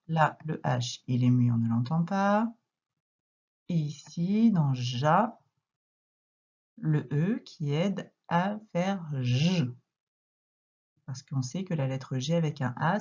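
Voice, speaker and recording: A woman's voice: low-pitched, warm tone, breathy edge, lo-fi sound. A woman teaching a reading lesson to young children, speaking patiently and sounding out letters and syllables one by one. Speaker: primary school teacher.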